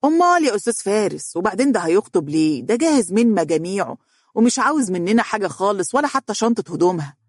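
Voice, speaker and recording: A storyteller voicing a loud, pushy middle-aged father who speaks in an Egyptian accent and rants rapidly. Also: medium pitch, big pitch swings, dry recording, clean studio sound, pitched above the performer's own voice. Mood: exasperated. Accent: Egyptian Arabic. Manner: loud, exasperated, rapid ranting.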